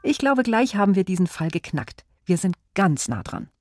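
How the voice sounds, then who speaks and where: Lively woman quizzing young listeners. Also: medium pitch, moderate pace, faint music behind. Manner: encouraging, asks the listeners questions. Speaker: host. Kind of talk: quiz host addressing children.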